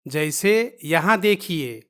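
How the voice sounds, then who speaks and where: A woman's voice: deep voice, lively intonation, fairly bright tone. A woman teaching a Quran reading lesson, patiently explaining step by step, repeating each point and drawing out the letter sounds.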